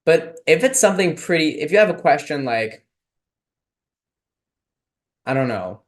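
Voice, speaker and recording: A man's voice: fairly high pitch, sing-song, unhurried. A young man from Texas, giving a casual, filler-heavy online lecture on speech and debate with questions from listeners.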